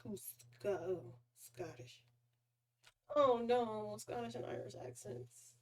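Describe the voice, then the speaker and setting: A woman's voice: mid-range voice, slow. A woman streamer thinking aloud as she plays a game, musing and trailing off mid-thought in a casual way. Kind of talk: casual live gameplay commentary. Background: game music.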